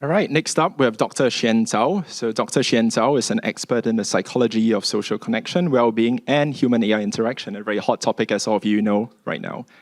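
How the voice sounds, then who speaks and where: A man's voice: mid-range voice, brisk, hardly any pauses. A man hosting an event, formally introducing the next speaker by reading out a biography.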